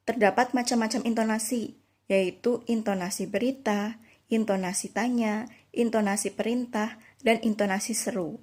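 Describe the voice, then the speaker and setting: A woman's voice: medium pitch, a little mellow. A young woman from Indonesia, a teacher giving an online lesson, explaining step by step with fillers and restarts.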